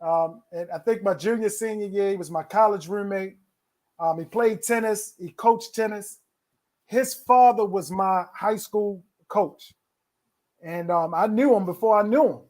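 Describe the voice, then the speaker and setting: A man's voice: high-pitched, unhurried, darkish tone. A middle-aged man hosting a virtual telethon over a video call, encouraging and repeating phrases for emphasis. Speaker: telethon host.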